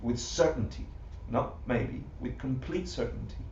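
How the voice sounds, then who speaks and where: A man teaching a Buddhist class live to an audience, animated, full of rhetorical questions and often laughing. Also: medium pitch, measured pace, slight background noise. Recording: roomy, distant, muffled livestream audio.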